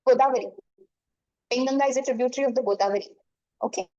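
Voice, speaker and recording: A woman's voice: high-pitched, racing, darkish tone, no echo, dull audio. A woman with a North Indian accent teaching geography in an informal online lesson, mixing English and Hindi and often checking in as she explains. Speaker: geography teacher for exam coaching. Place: online class over screen share.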